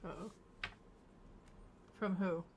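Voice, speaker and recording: Slow-talking woman playing a tabletop game. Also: fairly low pitch, steady tone, darkish tone, a little hiss or hum. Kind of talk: casual in-game chat.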